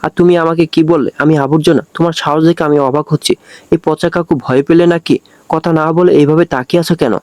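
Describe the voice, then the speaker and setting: A cheeky little girl scolds the grown-ups around her without a trace of fear, as a man reads her lines. She is bossy and sure of herself. Her voice sits fairly high and sounds dry and close. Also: steady tone, brisk, a little mellow, no echo, natural voice. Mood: bossy scolding.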